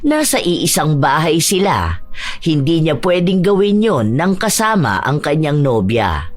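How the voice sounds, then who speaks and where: Give me a woman narrating a drama story, steady and measured, with a lower voice.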